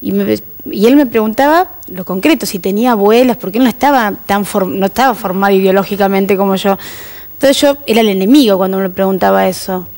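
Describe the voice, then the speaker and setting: A woman's voice: mid-range voice, fairly quick, darkish tone. A woman with an Argentine accent, a TV interview guest recounting her experience earnestly and vividly, quoting dialogue. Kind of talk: personal storytelling in a TV interview.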